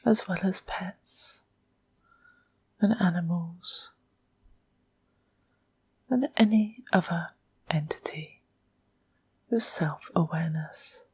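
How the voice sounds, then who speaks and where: In a dry recording, a woman with a lowish and intensely breathy voice leads a guided meditation. Her pace is very slow and her tone hushed, frequently approaching a whisper, with long silences between short, measured phrases.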